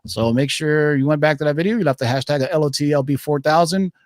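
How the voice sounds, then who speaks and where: A man's voice: a little high, quick pace, no echo, clean studio sound. A man hosting a casual comic-book livestream, hyping things up like a giveaway announcer in a rambling, joking, salty and informal way. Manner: salty, jokey, informal address. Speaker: livestream host.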